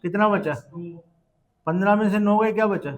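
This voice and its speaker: A man's voice: high voice, normal speed. A man teaching math to a classroom of students, coaxing them along and quizzing them step by step to check they follow. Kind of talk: live classroom lesson.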